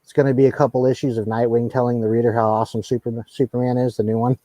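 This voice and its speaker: A relaxed man hosting a casual live talk show, his voice mellow and warm. He speaks in an easygoing way, often repeating words, and sounds dry and close. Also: medium pitch, fast talker, no echo, rough recording. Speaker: host.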